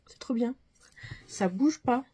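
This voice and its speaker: A woman's voice: fairly high pitch, expressive, slow pace, dark tone, breathy edge. A young woman chatting casually through a makeup haul, chatty and full of fillers. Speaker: beauty vlogger.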